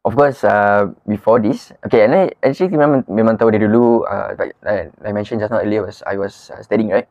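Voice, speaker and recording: Low-voiced man, Malay-English slang. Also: quick pace, dry recording, highs cut off. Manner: colloquial Malay-English slang mix with "lah" particles. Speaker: guest, wedding photographer. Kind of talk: casual podcast conversation.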